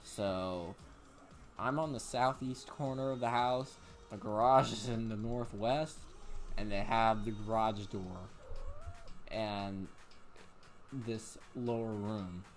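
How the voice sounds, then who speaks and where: A man's voice: on the low side, steady tone, slow, long pauses, faint music behind. A young man rambling casually over gameplay, full of fillers and restarts. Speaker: let's play commentator.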